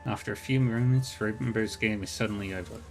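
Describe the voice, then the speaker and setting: A man streaming a video game, reading its narration aloud in a steady, plain storytelling way. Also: fairly low pitch, a little fast, soft background music.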